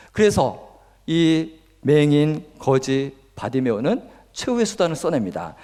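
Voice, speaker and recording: A man's voice: high-pitched, a little mellow. A male pastor preaching a sermon, retelling a story earnestly and with emphasis. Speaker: guest pastor. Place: church sanctuary. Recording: long reverb of a church hall.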